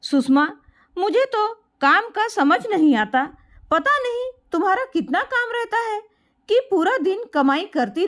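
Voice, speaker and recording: A woman's voice: extremely high pitch, fairly bright tone, exaggerated voice. A woman voicing a patient, earnest grown son who reasons and pleads. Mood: reasoning.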